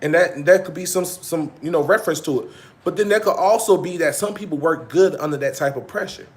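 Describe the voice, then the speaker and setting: A vlog host in his thirties talks briskly in a slightly high voice, giving a casual monologue to live viewers. He's blunt and profane, uses lots of slang, and repeats points for emphasis.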